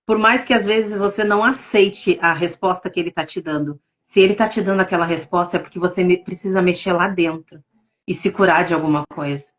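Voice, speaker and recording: A Brazilian woman, a tarot reader, telling her story with deep emotion in a live interview over a video call. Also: fairly quick. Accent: Brazilian Portuguese. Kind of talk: casual testimony in a live interview.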